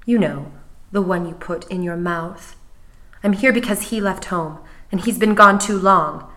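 A woman's voice: fairly low pitch, fairly bright tone. An actress playing a wealthy, no-nonsense female client who has come to hire a detective. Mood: impatient. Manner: brisk and no-nonsense. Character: wealthy, impatient female client searching for her brother.

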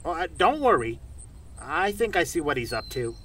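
A man playing a very short, cheeky, excitable space traveler in an audio drama, with animated, teasing delivery. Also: a little high, moderate pace, recorded from a distance, slight background noise.

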